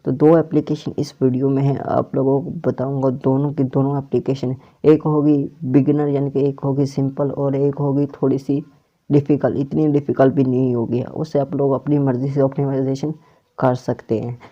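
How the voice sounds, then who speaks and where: A man with a medium-pitched, fairly flat voice speaks at a moderate pace as he hosts a casual app tutorial, walking through it step by step and often repeating or rewording his instructions. He uses a clip-on or plugged-in mic, and the lo-fi recording sounds dull and muffled.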